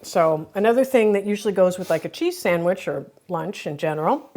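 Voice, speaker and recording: A woman's voice: on the low side, lively intonation, a little fast, a little mellow, slight background noise. A woman hosting a food taste-test vlog, chatty and explaining each dish as she goes. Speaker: vlog host. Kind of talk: casual taste-test chat.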